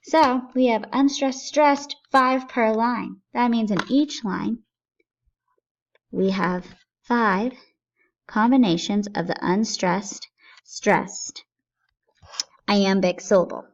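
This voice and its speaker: A woman teacher explains poetry at an unhurried, deliberate pace, breaking each idea into small steps. She thinks aloud and poses questions to herself before answering them. The recording is dull and lo-fi, with a muffled top end. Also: a little high.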